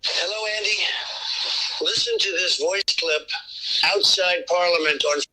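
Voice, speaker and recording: A man's voice: high voice, a little slow, pushed and bright, low-quality recording. A man recorded in a casual voice note to a radio host, played back on air as a voice message, urging listeners to judge for themselves.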